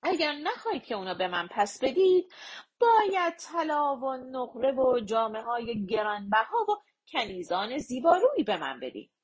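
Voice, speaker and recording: A proud young prince speaks in a formal, demanding tone, read by a woman. His pitch rises and falls in a lively way, and the voice is a little breathy. He sounds like an audio storybook envoy pressing his claim.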